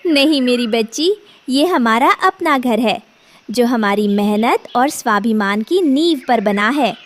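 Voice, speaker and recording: A loving mother sparrow, voiced by a woman in a cartoon, tender and reassuring. Her voice sits high and moves slowly. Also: animated.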